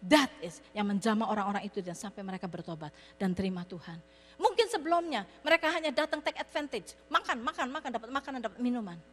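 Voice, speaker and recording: A woman's voice: fairly high pitch, animated, fast. A woman preaching a sermon in storytelling style, mixing in English words and addressing her listeners as brothers and sisters. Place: church hall. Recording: long hall reverb with hum.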